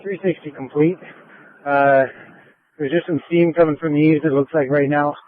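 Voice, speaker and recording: A man's voice: a little high, fairly even intonation, moderate pace, dry recording. A man on a fire crew reporting status to his chief over a two-way radio. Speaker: firefighter on tower truck crew. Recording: muffled lo-fi fire radio transmission.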